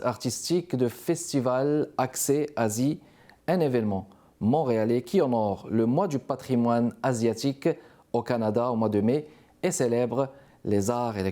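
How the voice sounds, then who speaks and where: A man hosting a television arts program, introducing his guest formally and asking questions with an occasional hesitation. His voice is warm and mellow, at an ordinary pitch. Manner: formal introductions, some fillers. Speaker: TV show host. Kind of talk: TV interview.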